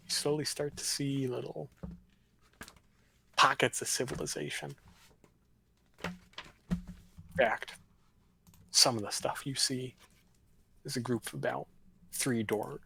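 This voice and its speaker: A man's voice: medium pitch, fairly even intonation, takes it slowly, vocal fry, pauses often, pushed and bright, a little hiss or hum, low-quality recording. A man narrating a tabletop game as game master on a livestream, in a loose, rambling style. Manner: casual, rambling narration with fillers.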